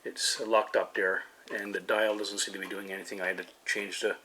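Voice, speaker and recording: Brisk and flat, a man with a lowish, sharp-toned voice mutters through his repair work. He's a hobbyist hosting a radio repair video, commenting casually and tentatively. It's a noisy home recording with ticking and clicks.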